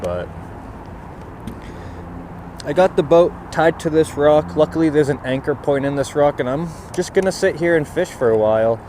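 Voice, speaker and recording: An easygoing young man talks to camera while he sits on a boat on a river on a cold evening. His chat is relaxed and self-deprecating. The outdoor recording carries clear wind and outside noise behind him. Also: on the high side, normal speed, pauses often. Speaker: fishing vlogger. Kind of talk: casual outdoor vlog. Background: wind and outdoor ambience.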